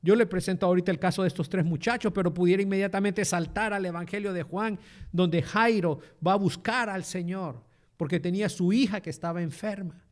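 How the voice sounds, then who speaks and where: A male pastor preaching a sermon, dropping in asides of "amén" and "hermano" and putting rhetorical questions to the congregation. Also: a little fast. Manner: swings between loud emphasis and soft low phrases.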